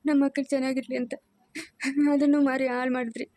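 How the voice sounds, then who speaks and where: A woman performs a stern, hurt mother who lectures her family firmly. The voice sits high but moves in a narrow, level band. The sound is dry and close. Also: steady tone, a little fast, a little mellow, dry recording, natural voice. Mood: bitter reproach. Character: aging mother, stern and wounded. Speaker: mother-in-law. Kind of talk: amateur family drama acting.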